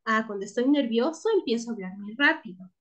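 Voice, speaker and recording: A woman's voice: fairly high pitch, expressive, fairly quick, a bit bright. A woman teaching a class, checking in with her listeners again and again and restarting words as she goes. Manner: checks in with frequent tag questions; restarts words and repeats herself. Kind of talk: class lecture.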